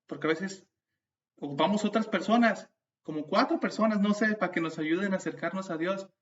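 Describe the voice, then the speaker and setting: A man preaching a sermon, telling stories and turning to the congregation with asides. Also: a little high. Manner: storytelling, animated, with restarts and asides to the congregation. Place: church. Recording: distant, dull mic sound.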